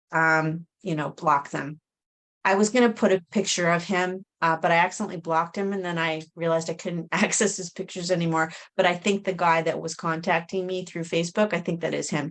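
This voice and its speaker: Middle-aged woman, vlogger, slightly low voice, hesitant and frank delivery. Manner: hesitant, many fillers and restarts. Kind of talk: casual talk to camera.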